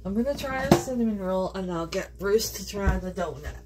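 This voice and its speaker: Her voice medium-pitched, expressive, and brisk, a Canadian home cook chats casually with viewers in her kitchen vlog, laughing frequently. The recording is very noisy.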